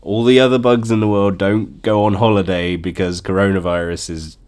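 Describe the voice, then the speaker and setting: A man with a deep, darkish, fairly flat voice hosts a casual solo podcast at a moderate pace. Stuffed up from a cold, he chats and jokes, chuckling often.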